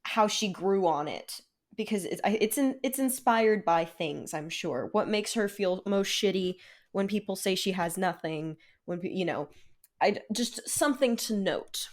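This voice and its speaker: A woman's voice: medium pitch, moderate pace. A young woman co-hosting a casual book podcast, chatty and laughing easily, with casual swearing. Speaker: podcast co-host. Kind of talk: casual book-club chat.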